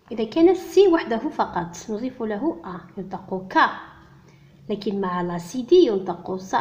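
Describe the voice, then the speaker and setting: A woman teaching a primary-school French lesson, explaining in Arabic and sounding out each French word slowly and carefully for children. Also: a little high, a little mellow. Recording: dull lo-fi recording.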